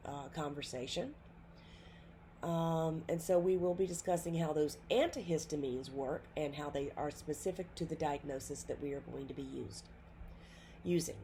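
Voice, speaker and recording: Recorded in class with a little hiss or hum, the nursing instructor lectures on pharmacology while she has a cold. She keeps it informal, with many fillers and self-corrections, and her voice is low-pitched and mellow.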